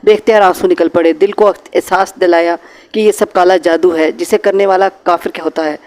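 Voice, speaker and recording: High-voiced man narrating a horror novel. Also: steady tone, a little fast, a little mellow. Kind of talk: scripted audiobook narration.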